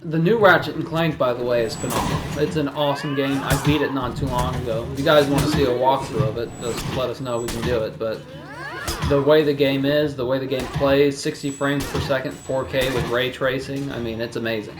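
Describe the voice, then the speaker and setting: A man's voice: mid-range voice, fairly even intonation, a little fast, heavy background noise. A man hosting a gaming video, chatting casually over gameplay.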